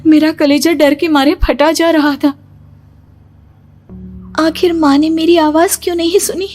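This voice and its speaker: A woman's voice: high-pitched, steady tone, unhurried, a little mellow, soft background music. A young woman narrating a cartoon horror story in the first person, with a tense, breathless delivery and sudden cries.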